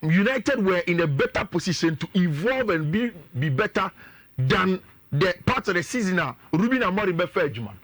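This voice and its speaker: A man with a Ghanaian accent, a sports pundit giving energetic, analytical talk on a radio show and mixing in local phrases. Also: sits high, normal speed.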